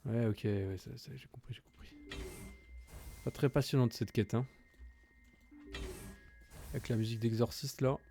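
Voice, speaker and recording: A gaming YouTuber with a mid-range voice gives casual let's-play commentary over music, talking at normal speed with long pauses. He swears, thinks aloud, and praises himself as he plays.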